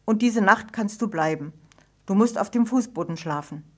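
A woman's voice: medium pitch, lively intonation, normal speed, darkish tone, close to an everyday voice. A woman reading a storybook, voicing an anxious, earnest young girl in a raised, pleading voice.

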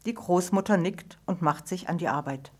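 Brief: woman narrator, calm measured audiobook storytelling. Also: fairly low pitch.

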